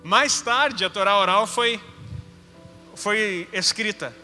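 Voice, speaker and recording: A man's voice: high-pitched, takes it slowly, bright, forceful tone. A man with a Gaúcho Brazilian accent teaching a sermon in a conversational way with joking asides. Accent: Gaúcho Brazilian Portuguese. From Rio Grande do Sul, Brazil. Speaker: apostle preaching. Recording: hall reverb with faint music.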